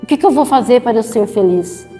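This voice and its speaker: A middle-aged woman with a Brazilian accent giving a spiritual lecture, slow and measured, repeating phrases and adding tag questions. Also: on the high side, animated, warm tone, in a large hall, soft background music. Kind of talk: spiritual talk. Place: spiritist center hall.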